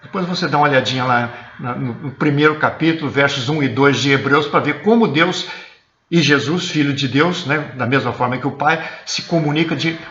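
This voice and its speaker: A man's voice: medium pitch, brisk, sharp tone, echoey room, dull audio. A man with a Brazilian accent, a church elder teaching a sermon for an online service and often checking in with his listeners. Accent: Brazilian Portuguese. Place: church, indoors.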